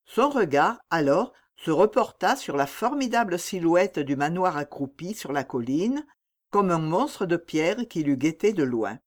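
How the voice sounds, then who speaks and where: Narrateur au ton dramatique mesuré. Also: male voice, on the high side, lively intonation. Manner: measured, dramatic reading. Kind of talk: audiobook narration of a classic novel.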